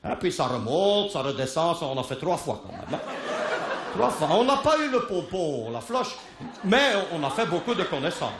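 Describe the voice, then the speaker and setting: Lively high-voiced comic storyteller. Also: male voice, moderate pace, reverberant, noisy background. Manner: animated, laughing, shouts and mimics people in the story. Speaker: comedian.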